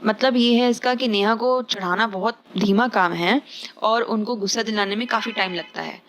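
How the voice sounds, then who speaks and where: A woman teaching English vocabulary in Hindi, patiently explaining each word and slowly reading example sentences, with frequent fillers. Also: mid-range voice, a bit bright, a little hiss or hum. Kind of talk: Hindi-language vocabulary lesson.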